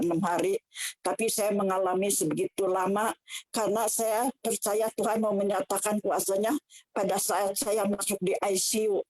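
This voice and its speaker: An older woman, telling a personal church testimony in an emotional, halting way with many restarts. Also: mid-range voice, a little mellow, no room sound, rough recording. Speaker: church member giving testimony.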